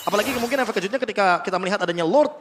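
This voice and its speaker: Fast, high-voiced Indonesian male esports analyst. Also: expressive, fairly bright tone, slight background noise.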